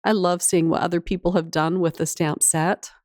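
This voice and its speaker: A woman hosting a craft tutorial sounds casual and enthusiastic, her lowish, slightly mellow voice a bit off from a cold. She keeps a steady tone at normal speed, and the voice-over recording is very dry.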